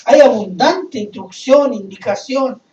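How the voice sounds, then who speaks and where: A man's voice: extremely high pitch, a little slow, far from the mic, muffled recording, slight background noise. Preaching man in an echoey hall. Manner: preaching with sudden loud emphasis and rhetorical questions. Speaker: pastor. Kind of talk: sermon.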